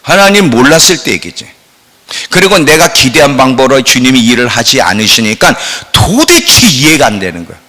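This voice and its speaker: A middle-aged male pastor delivers a lively sermon in a bright, forceful voice, his pitch leaping between high outcries and low, hushed asides. The sound rings out with a long reverb through a church sanctuary. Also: a little fast. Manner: animated preaching, swinging from loud outcries to hushed asides.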